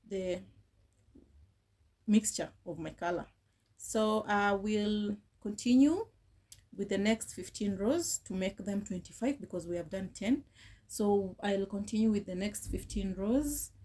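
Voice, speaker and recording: A woman giving a relaxed crochet tutorial, talking slowly with frequent hesitations as she counts rows. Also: medium pitch. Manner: slow, hesitant, with many fillers, counting rows aloud. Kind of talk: casual tutorial instruction.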